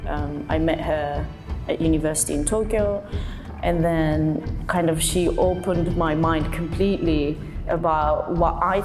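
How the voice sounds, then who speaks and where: A woman's voice: low voice, big-room sound. A young woman from Japan, a dancer telling her story in a hesitant, reflective way with many fillers. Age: young adult. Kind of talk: reflective interview talk.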